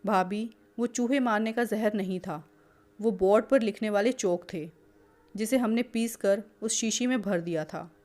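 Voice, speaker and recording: A young sister-in-law from a storybook, anxious and pleading, voiced by a woman. She keeps her voice low and hushed, as though afraid of being misjudged. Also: a little slow, lightly acted. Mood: soothing. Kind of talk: storybook character voice.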